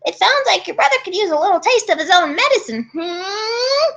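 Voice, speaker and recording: A woman's voice: extremely high pitch, big pitch swings, moderate pace, a bit bright, dull audio, voice pushed up, full character voice. A woman voicing a tiny, cheerful, sly leprechaun man in a storybook tale, with a coaxing Irish lilt. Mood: scheming.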